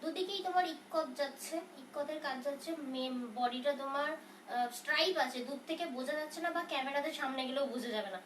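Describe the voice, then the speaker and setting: A high-voiced woman chats through a live saree sale. She is soft-spoken, reassuring, and answers questions as they come in. Her voice echoes around a room and sounds set back from the mic. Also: fast talker. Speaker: saree seller on a live stream. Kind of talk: casual live sales talk. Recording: roomy, from a distance, faint noise.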